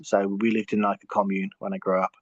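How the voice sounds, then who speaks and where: A man's voice: fairly low pitch, level tone, brisk, dry recording. A middle-aged man from England, talking as an interview guest in a hesitant way, often restarting and repeating words. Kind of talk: casual conversational interview. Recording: muffled, dry lo-fi audio.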